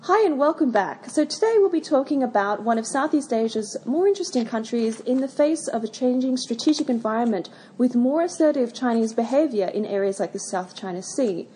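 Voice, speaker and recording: Warm-voiced woman hosting a podcast. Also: on the high side, animated, a little hiss or hum. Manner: measured and formal, with occasional ums. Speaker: podcast host. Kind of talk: prepared interview questions.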